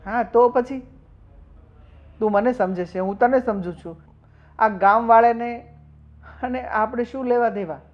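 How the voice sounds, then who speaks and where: A man's voice: a little high, fairly even intonation, moderate pace, pauses often, close to an everyday voice. A young man acting as a husband who defends his marriage to an older woman, talking earnestly. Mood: defiant. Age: young adult. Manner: earnest, pleading, rising to defiant outbursts. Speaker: young husband in a family drama. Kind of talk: Gujarati short-film acting. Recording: dull lo-fi sound with faint noise.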